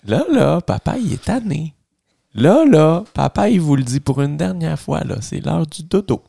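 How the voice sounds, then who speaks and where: A man's voice: on the high side, sing-song, vocal fry, mellow, pitched above the performer's own voice, heavily acted. A man in an improv comedy scene, playing a tired, strict father with a Québécois accent who scolds his kids at bedtime. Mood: scolding. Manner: scolding, drawn-out. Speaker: improv performer.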